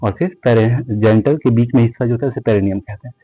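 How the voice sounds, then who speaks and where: A yoga instructor with a Hindi accent leads a guided class in a medium-pitched, mellow, slightly rough voice at a quick pace. He repeatedly calls his viewers friends, counts their breaths, and reassures them to go easy, rest when tired, and not strain. The low-quality recording has no room sound.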